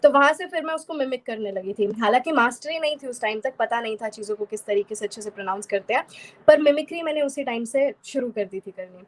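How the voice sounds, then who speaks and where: A young woman from Haryana, India, talks quickly in a slightly high voice. As a guest in a casual interview, she explains things fluently and sprinkles in plenty of English words.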